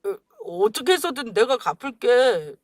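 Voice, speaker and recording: A spineless young husband, played by a woman, who stammers and pleads his way through trouble in a radio drama. The voice sits high and bounces around, recorded dry and close. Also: sing-song, unhurried, no echo. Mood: pleading. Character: weak, stammering grown son and husband.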